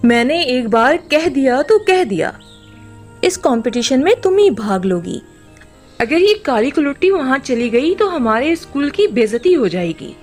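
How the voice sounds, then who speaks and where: A woman's voice: high voice, very animated, normal speed, faint music behind. A woman voicing a strict, mocking female kite bird teacher in a cartoon story. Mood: bossy. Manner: bossy.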